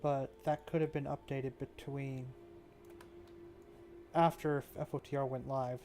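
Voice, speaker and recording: Gravelly-voiced man musing while working. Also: mid-range voice, flat delivery, a little mellow. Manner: musing, self-talking, unhurried. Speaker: streamer building a game map. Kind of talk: casual thinking aloud while working.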